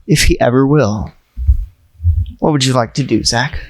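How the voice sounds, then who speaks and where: A man running a tabletop game as game master, setting scenes in a measured way and scolding players in mock sternness. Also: medium pitch.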